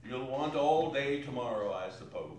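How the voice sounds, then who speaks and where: A man's voice: mid-range voice, animated, moderate pace, a little mellow, slight background noise, lightly acted. A man playing a cold, miserly old businessman with a curt, scornful, grumbling manner in a theatrical dramatic reading. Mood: grumbling, resentful. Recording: very echoey hall, distant microphone.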